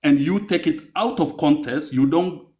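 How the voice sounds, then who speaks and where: A man's voice: fairly high pitch, moderate pace, a little mellow, reverberant, lo-fi sound. A man from Africa, calling into a heated live debate, earnest and pressing to finish his point. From West Africa. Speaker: caller.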